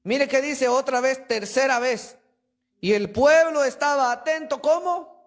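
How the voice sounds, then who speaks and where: A man's voice: very high-pitched, measured pace. A man preaching a sermon in a church with emphatic, rhetorical delivery, addressing listeners as brother.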